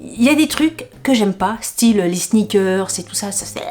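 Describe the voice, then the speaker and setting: Lady rambling thru a food box unboxing, giggles a lot, voice hops up when something surprises her, mid pitch, normal pace. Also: animated, moderate pace, a little mellow. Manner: chatty and rambling, laughing often, voice jumping up in surprise. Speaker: vlogger reviewing a food box. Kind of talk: casual unboxing chat to camera.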